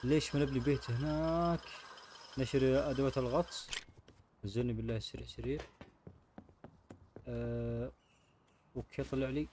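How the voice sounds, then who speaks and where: A man's voice: medium pitch, fairly even intonation, normal speed, long pauses, warm tone, a little hiss or hum. Chatty man playing a game. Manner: chatty, talks to viewers while playing. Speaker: gaming channel host. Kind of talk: casual game commentary.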